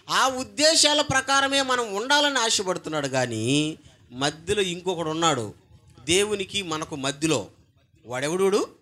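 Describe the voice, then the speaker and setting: Male pastor, high lively voice, bright emphatic sermon delivery, call-and-response. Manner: call-and-response, demanding congregation repeat loudly; emphatic, swings between soft and loud.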